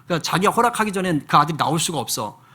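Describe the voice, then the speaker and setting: A man's voice: on the high side, lively intonation, racing, pushed and bright, slightly rough. A man, a senior pastor, preaching a sermon in a conversational storytelling way, often asking the congregation questions.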